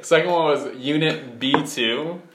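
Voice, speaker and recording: A young man co-hosting a podcast in relaxed, casual chat, full of "like" and "bro". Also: mid-range voice, measured pace. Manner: laid-back, casual, says "bro" and "like". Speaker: podcast co-host. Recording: echoey room, faint noise.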